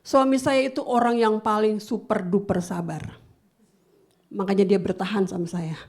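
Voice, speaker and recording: A woman pastor preaching a sermon, animated, swinging between loud emphasis and soft asides. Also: mid-range voice, normal speed. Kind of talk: sermon with personal anecdotes.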